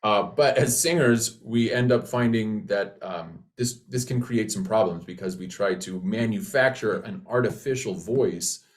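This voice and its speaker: Low-voiced man teaching conversationally. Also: measured pace, hardly any pauses. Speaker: voice teacher, co-presenter.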